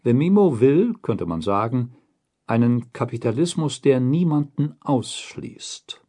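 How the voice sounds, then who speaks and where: A man narrating a documentary report in a slow, unhurried voice with a mellow, slightly husky tone. His pitch moves a lot, rising and falling across each phrase, and the delivery stays measured and deliberate. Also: very animated. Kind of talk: scripted documentary voice-over.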